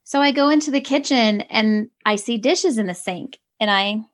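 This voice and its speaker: A mother in her forties tells stories in a lively, chatty way, acting out the family's back-and-forth as she goes. Her voice sits a little on the high side. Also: moderate pace. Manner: animated storytelling, acts out family dialogue. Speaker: co-host and parent. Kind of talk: casual chat with anecdotes.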